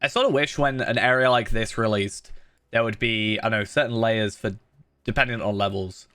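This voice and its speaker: Streaming a game live, this man rambles and thinks aloud, full of fillers and false starts, sounding a little nasal from a stuffy nose. His pitch is fairly low and steady, his pace normal, and his tone pushed, bright and smooth in a dry recording.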